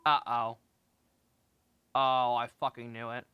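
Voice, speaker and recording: A man's voice: medium pitch, little pitch movement, takes it slowly, clean tone, no echo, dull audio. A man giving casual, sweary, joking commentary while streaming a video game.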